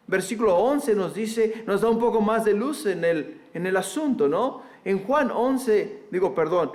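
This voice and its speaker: High-voiced man preaching slowly. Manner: repeats rhetorical questions to the congregation; addresses listeners as brothers and sisters. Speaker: pastor. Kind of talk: sermon.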